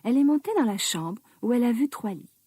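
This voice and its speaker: A woman narrating a children's story slowly and expressively. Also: on the high side, husky, no room sound, clean studio sound. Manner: slow, expressive, lively.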